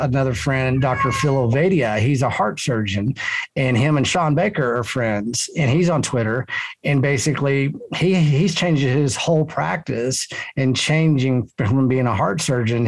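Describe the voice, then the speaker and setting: A man's voice: medium pitch, normal speed, dry recording. A man with a Texan accent hosting a casual podcast chat, rambling and repeating words as he talks. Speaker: podcast host.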